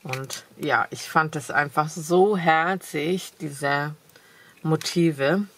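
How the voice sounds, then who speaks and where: Extremely slow and low-pitched, with a slightly bright tone and a little hiss or hum, this crafting vlogger has a cold as she shows her craft supplies. It's a casual haul video shot by a camera over her desk, hands only, and she's chatty and enthusiastic with many fillers.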